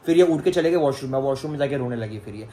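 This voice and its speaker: A man hosting a casual home vlog, telling a story in an animated way and often calling viewers "guys". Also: medium pitch, rapid-fire, a little hiss or hum. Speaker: vlogger host.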